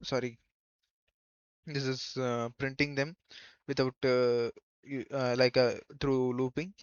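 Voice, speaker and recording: Male tutor, unhurried halting delivery for a screen tutorial, dry and slightly dull recording. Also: medium pitch, flat delivery, clean tone, dry recording. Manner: halting, thinking aloud while typing. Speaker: programming tutor. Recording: dull lo-fi microphone.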